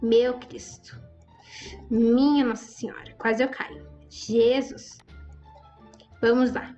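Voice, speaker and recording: A woman's voice: fairly high pitch, fairly even intonation, slow pace, dark tone, muffled recording, faint music behind. A woman giving chatty, exclaiming commentary over her Roblox gameplay and talking straight to her viewers. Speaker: gaming YouTuber.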